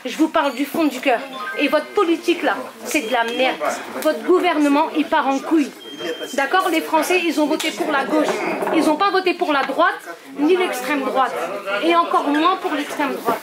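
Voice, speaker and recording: Woman, audience member, blunt and repetitive, high voice, crowd chatter behind. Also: normal speed. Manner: blunt, insistent, repeats herself. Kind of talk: impassioned public question.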